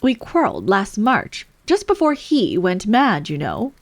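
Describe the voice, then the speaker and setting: A woman's voice: mid-range voice, wildly swooping pitch, measured pace, no room sound, exaggerated voice. A woman voicing an eccentric male hat-maker, haughty and mournful, in a storybook reading.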